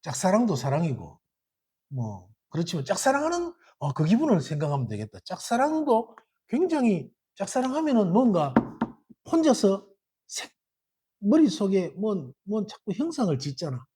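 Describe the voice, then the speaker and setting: A man with a Gyeongsang accent giving a Buddhist sermon in a dharma hall, lively and quizzing his listeners with rhetorical questions. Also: sits high, normal speed, husky. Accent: Gyeongsang Korean.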